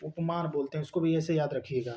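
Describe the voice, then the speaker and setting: A man's voice: a little high, a little fast, mellow. A man teaching a grammar lesson, asking questions and answering them himself. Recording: dull lo-fi recording.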